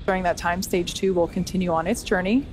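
A woman's voice: fairly low pitch, a little fast. A woman hosting a launch webcast, giving conversational, explanatory live commentary. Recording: faint background noise.

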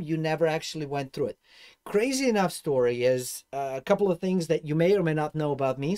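A man from Serbia in his thirties with a Serbian accent, talking to a webcam about personal finance in an animated, gesturing way. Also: a little high. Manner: animated, gestures a lot, swings between loud and soft. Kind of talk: casual vlog monologue. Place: dark room indoors.

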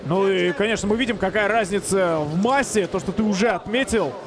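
A man giving excited live commentary on a fight as a commentator. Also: high voice, fairly quick, crowd noise.

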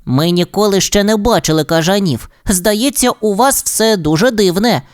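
A woman's voice: mid-range voice, moderate pace, no room sound, studio quality, voice pushed up, natural voice. A woman voicing a cheerful, proud young boy bunny in a children's audio storybook, bouncy and exclaiming.

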